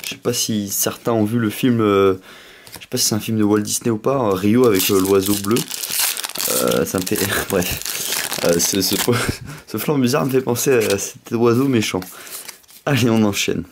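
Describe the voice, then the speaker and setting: A man with a slight lisp hosting a casual unboxing, chatting in an excitable way. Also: fairly low pitch, moderate pace, background noise. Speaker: host of a card pack opening video.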